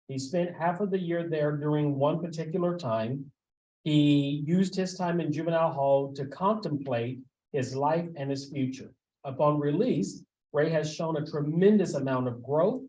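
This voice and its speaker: A man, a school administrator, giving a formal report at a board meeting and often pausing on filler sounds. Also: a little high, dark tone, rough recording. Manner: halting, with frequent filler sounds.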